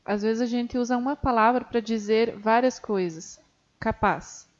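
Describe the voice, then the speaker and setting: A woman's voice: on the high side, fairly even intonation, normal speed. A woman, a guest on a podcast, talking earnestly and encouragingly in long run-on sentences. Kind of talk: casual chat. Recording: muffled lo-fi audio.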